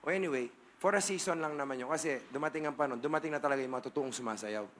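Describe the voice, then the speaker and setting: A Filipino male pastor giving a humorous, playful testimony sermon, with bursts of shouting. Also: mid-range voice, very fast, slight background noise. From Philippines.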